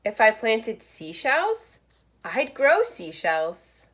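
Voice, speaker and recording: A woman with a fairly high voice reads a picture book aloud to young children in a teacherly way. She speaks in expressive, deliberate short phrases and adds asides.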